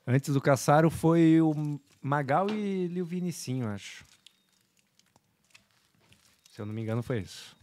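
A man co-hosting a casual podcast who reads viewer donations and messages aloud in a relaxed way. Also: on the high side, measured pace, long pauses. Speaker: podcast co-host reading donations.

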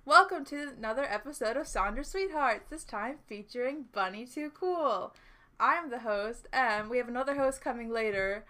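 A woman's voice: a little high, lively intonation, normal speed, pushed and bright. A young woman hosting a casual group video call, leading introductions and explaining a game. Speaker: host.

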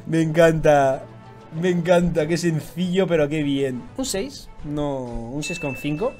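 A young man with a Spanish accent from Spain, giving casual, slangy reaction commentary with loud excited outbursts. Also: fairly high pitch, a little slow, soft background music. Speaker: YouTuber reviewing fan tattoos.

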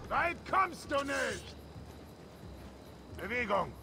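A man's voice: very high-pitched, sing-song, extremely slow, vocal fry, exaggerated voice. A man playing a threatening ancient Greek mercenary in a video game, calling out combat taunts at his prey. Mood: determined. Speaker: enemy soldiers in a video game. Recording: noisy game combat sound effects behind.

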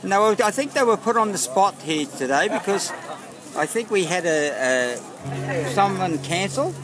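A man's voice: high voice, animated, measured pace, background noise. A man chatting casually while filming outdoors at a festival. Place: outdoors at a festival near stage. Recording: loud live music behind, outdoors. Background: loud live guitar and singing.

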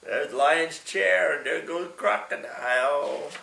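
A man's voice: fairly high pitch, vocal fry, reverberant, slight background noise. An older man, a great-grandfather, reading a picture book aloud to a small child and making the animal sounds. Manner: slow, lively storybook reading with animal sounds.

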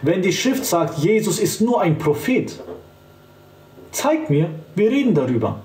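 A man's voice: high-pitched, sing-song, measured pace, a little mellow. A man preaching as an evangelist, fervent and emphatic, speaking directly to the listener. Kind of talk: street-style preaching to camera. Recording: roomy sound, voice from a distance.

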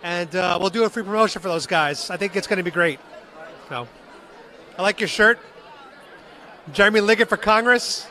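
A man's voice: high voice, normal speed, long pauses, pushed and bright. A young man hosting a live vlog, chatting upbeat to viewers and interviewing people with a handheld mic in a large meeting hall. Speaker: street interviewer and livestream host. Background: murmuring crowd.

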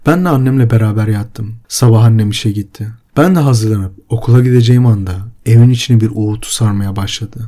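A man narrating a horror story in a steady, measured way. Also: lowish voice. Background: faint music.

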